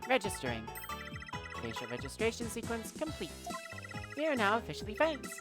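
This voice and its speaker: Brief: a chipper female guide robot voice, stiff and formal, slightly raised pitch, lively up-and-down delivery, as a woman puts it on. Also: a little fast, music in the background. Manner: stiff, formal, announcer-like phrasing. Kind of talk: character voice in a game playthrough.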